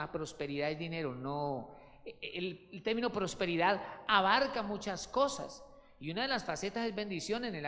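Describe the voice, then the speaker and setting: A male pastor with a high-pitched, fairly bright voice preaches emphatically, his voice rising and falling widely as he calls his listeners brothers. A long reverb tail trails his words.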